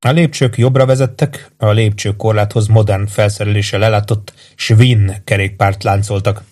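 Low-pitched guy reading an audiobook, steady and even. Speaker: audiobook narrator. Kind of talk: scripted narration.

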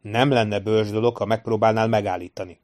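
A man's voice: lowish voice, steady tone, a little mellow, natural voice. A man voicing a young male warrior who answers in a cold, curt way. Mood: defiant.

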